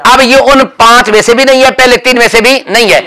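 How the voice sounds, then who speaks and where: A man teaching a classroom grammar lesson, drilling his students with rapid questions and calling out answers. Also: very high voice, steady tone, pushed and bright, low-quality recording. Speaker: religious teacher.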